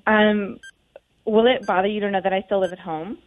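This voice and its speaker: A woman's voice: medium pitch, fairly even intonation, normal speed. A woman in her twenties on a phone call, talking nervously with many hesitations. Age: 20s. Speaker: dating segment caller. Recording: tinny phone line.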